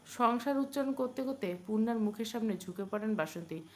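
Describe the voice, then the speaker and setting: A woman narrating a romance novel, reading the characters' lines with slowed, stressed delivery. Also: a little high, expressive, darkish tone. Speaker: storyteller. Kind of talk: scripted narration of a romance novel with voiced dialogue.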